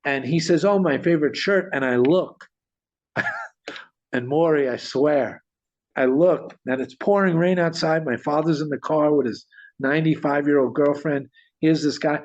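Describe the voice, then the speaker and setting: A man telling a story in conversation, animated, with frequent restarts and small chuckles. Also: a little high, unhurried. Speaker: guest storyteller. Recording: dull lo-fi sound.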